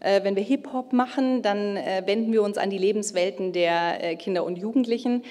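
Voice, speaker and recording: Her mid-range voice is a little mellow as this middle-aged woman delivers a formal keynote lecture in measured, emphatic phrases, partly reading from notes. She speaks into a gooseneck lectern microphone on the stage of a large indoor auditorium, where the hall sound is reverberant.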